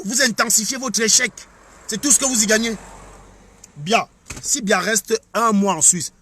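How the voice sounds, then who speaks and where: A man's voice: sits high, sharp tone, slightly rough. A man ranting to his viewers on a live stream, mocking and repeating his points for emphasis. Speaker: online commentator.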